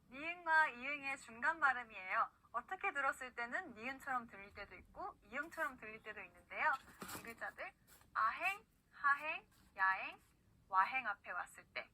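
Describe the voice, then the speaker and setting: A woman with a high, very bright voice leads a recorded online pronunciation lesson. She speaks patiently and says each word slowly so a learner can copy it. Her delivery is clear, instructive and encouraging. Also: poor audio. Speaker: language teacher.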